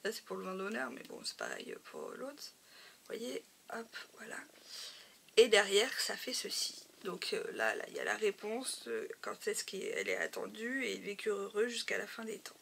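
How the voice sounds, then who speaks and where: A woman's voice: medium pitch, very animated, normal speed, vocal fry, slight background noise. A woman with a slightly nasal, stuffed-up voice, casually showing her crafts, hesitating often and sometimes dropping to a near whisper. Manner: hesitant, many fillers, drops to a soft whisper at times. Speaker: crafting vlogger. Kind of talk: casual show-and-tell.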